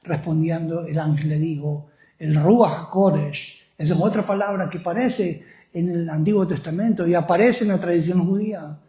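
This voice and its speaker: A man's voice: a little high, steady tone, moderate pace, mellow, reverberant. A male pastor preaching a sermon, often putting questions to the congregation.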